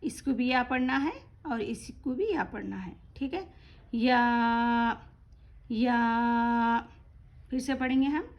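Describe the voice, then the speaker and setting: A woman teaching Quran recitation, with a slightly high voice. She draws out each letter name very slowly for her students to repeat, then drops into quick, soft explanations. The recording is dull and lo-fi. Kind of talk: online lesson, letter-by-letter drilling. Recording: dull lo-fi audio.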